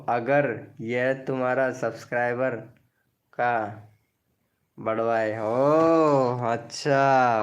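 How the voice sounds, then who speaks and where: A man hosting a casual live stream, chatting playfully with viewers and teasing them by name as he promotes their channels. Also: mid-range voice.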